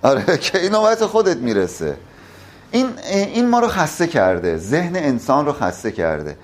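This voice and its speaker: A man's voice: on the high side, huge pitch swings. A man teaching public speaking at a live workshop, emphatic and addressing the audience directly.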